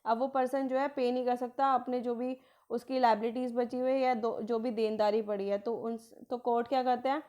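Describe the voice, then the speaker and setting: A woman with a somewhat high voice teaches exam vocabulary. She reads each English phrase out slowly and then explains it at length. She keeps asking a question and then answering it herself. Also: little pitch movement, mellow. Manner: asks and answers her own questions, repeats key words; mixes in English phrases, slowing to read them out. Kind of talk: explanatory lesson.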